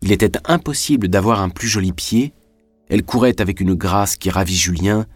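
A man narrating a classic novel in a measured literary reading. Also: low-pitched, husky, no room sound, faint music behind. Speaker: audiobook narrator.

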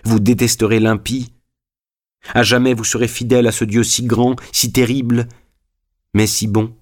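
A man voicing a solemn elderly bishop who slowly and gravely exhorts young girls in an audiobook reading. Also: medium pitch, little pitch movement, lightly acted. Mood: exhorting.

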